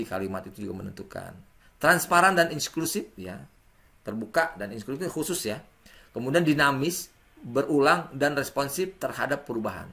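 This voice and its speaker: A man giving a classroom lecture, animated and acting out sample messages with wide swings in pitch.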